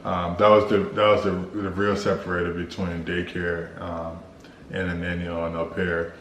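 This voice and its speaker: An American man co-hosting a casual Q&A vlog, explaining things in a measured, halting way. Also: deep voice, completely flat delivery, a bit bright. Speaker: vlog co-host. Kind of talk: casual couple Q&A chat. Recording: roomy echo with clear background noise.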